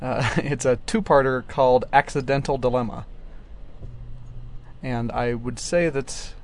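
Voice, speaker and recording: A man's voice: medium pitch, fairly even intonation, unhurried. A man co-hosting a casual question-and-answer chat, chiming in with dry quips. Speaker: co-host. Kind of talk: casual podcast Q&A.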